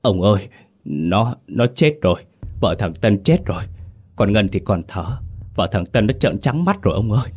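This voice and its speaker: A man's voice: lowish voice, sing-song, moderate pace, darkish tone, husky, faint music behind, heavily acted. A man voicing a panicky older village woman who stammers and pleads tearfully. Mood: panicked.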